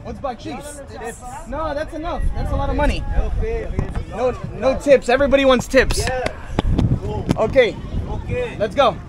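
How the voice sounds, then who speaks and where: This travel vlogger, a man in his thirties, has a very high voice and speaks unhurriedly, pausing often, as he films himself at arm's length with an action camera on a small boat outdoors. He chats straight to camera with opinionated asides. Wind and water noise, boat sounds and a background crowd are audible.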